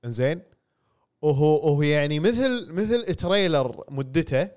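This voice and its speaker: A man's voice: a little high, animated, moderate pace, a little mellow, clear, resonant tone. A man co-hosting a casual podcast chat, laid-back and joking, with hesitant fillers. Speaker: podcast co-host.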